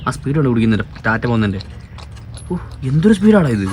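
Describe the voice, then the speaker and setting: A man's voice: mid-range voice, sing-song, rapid-fire, a little mellow, slight background noise. Playful man vlogging with his dog. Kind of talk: casual vlog chatter.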